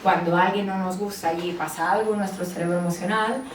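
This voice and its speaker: Speaking quickly in a lowish voice with fairly even intonation, an Italian-accented psychologist and author presents her book in a bookstore event space, hesitating and using fillers a lot. The distant mic gives a roomy sound with background noise.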